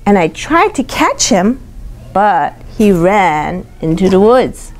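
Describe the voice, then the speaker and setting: This woman has a mid-range voice and a slow pace. She is reading a picture book aloud to a young child with lots of expression and animation, offering simple explanations, child-directed wording, frequent repetition, and questions along the way.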